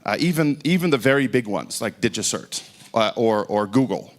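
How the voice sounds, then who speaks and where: A middle-aged man from the Netherlands gives an informal technical talk on a conference stage, his English carrying an American-sounding accent. His medium-pitched voice is animated and moves at normal speed, full of fillers and restarts.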